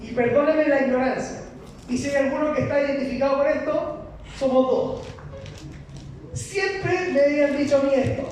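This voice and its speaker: A man's voice: very high voice, fairly even intonation, moderate pace, a little mellow. A man preaching a passionate sermon, asking the congregation rhetorical questions. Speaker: pastor. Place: church hall. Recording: echoey hall from far off with noise.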